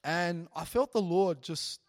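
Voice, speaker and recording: A man preaching in a relaxed, conversational way, telling stories earnestly and animatedly, with frequent "you know" asides. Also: sits high, slow pace. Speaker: preacher sharing a testimony. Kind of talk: conversational sermon storytelling.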